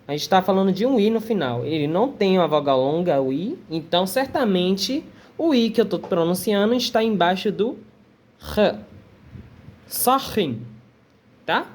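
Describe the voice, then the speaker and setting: In a relaxed online class, a Portuguese-speaking woman teaches Arabic, repeating words patiently and checking on her students. She sounds animated at a normal speed, with a mid-range voice and a darkish tone.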